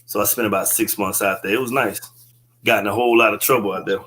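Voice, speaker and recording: A man's voice: fairly low pitch, fairly even intonation, fast, a bit bright. A man, a guest comedian talking in a laid-back, slangy way over a webcam video call from an indoor room. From Texas. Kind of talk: casual interview chat.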